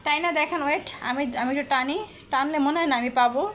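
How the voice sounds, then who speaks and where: A woman's voice: sits high, quick pace, fairly bright tone. A woman from Bangladesh, hosting a casual live stream, chatty and repetitive as she teases her viewers. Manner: chatty, repeats herself, teasing viewers.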